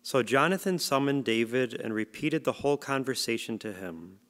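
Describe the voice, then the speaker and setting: A man serving as lector, reading scripture and a psalm in a measured, solemn way, his voice ringing with a cathedral echo. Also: medium pitch, animated, fairly bright tone. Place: large church. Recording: long church reverb.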